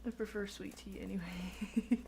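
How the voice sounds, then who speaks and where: A woman's voice: mid-range voice, fairly even intonation, a little slow, gravelly, warm tone, a little hiss or hum. A woman from Oklahoma with a light Oklahoman accent, chatting casually with her chat while gaming, rambling and giggling at herself. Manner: rambling, self-mocking, giggly. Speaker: streamer.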